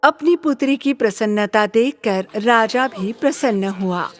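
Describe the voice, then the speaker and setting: A woman narrating a children's fairy tale in a gentle storybook manner. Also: a little high, unhurried. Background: soft music.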